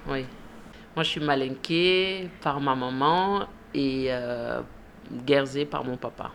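A woman's voice: very deep voice, slow pace, gravelly, a little hiss or hum. A woman in her thirties from Ivory Coast, a shop manager, answering interview questions hesitantly with frequent fillers and laughs. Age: 30s. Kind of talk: radio interview.

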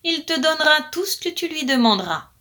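A woman's voice: sits high, big pitch swings, a little fast, pushed and bright, voice pushed up, heavily acted. A woman voicing a cautious female magpie in a storybook tale, speaking in a confiding, warning tone.

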